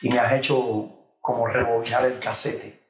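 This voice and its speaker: A middle-aged man with a Cuban accent tells his story in a relaxed interview. He hesitates often and restarts his phrases. The office around him adds a noticeable echo. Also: mid-range voice, normal speed. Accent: Cuban Spanish. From Cuba. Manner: hesitant, with many fillers and restarts. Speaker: guest, insurance trainer. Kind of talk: interview conversation.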